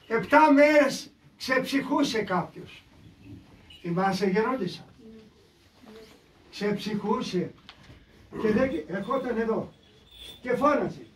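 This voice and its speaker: An older man, a monastic elder, giving an impassioned sermon told as a story, at times breaking into shouts. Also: sits high, expressive, long pauses, a little hiss or hum. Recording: echoey room, mic far off.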